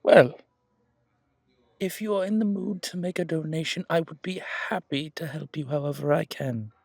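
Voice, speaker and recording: With hesitant pauses and repeated words, a man portrays a museum curator in a roleplay audio drama who is effusive, flirtatious, flattering, genteel, and gushing. His husky, creaky voice is fairly high, and there's no echo. He sounds flattering and discreet.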